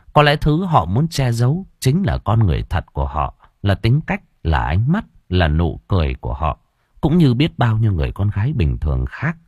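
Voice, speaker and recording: A man's voice: fairly low pitch, darkish tone, husky, dry recording, studio quality. A man narrating an audiobook story, reading expressively and acting out the dialogue. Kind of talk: storytelling narration with character voices.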